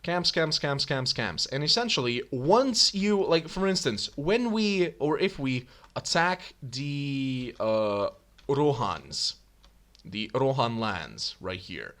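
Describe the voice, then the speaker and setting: A man's voice: mid-range voice, big pitch swings, slow pace, fairly bright tone. A man casually commenting while he plays a video game, chatty and thinking aloud, often correcting himself. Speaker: gaming YouTuber. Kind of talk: casual let's-play commentary.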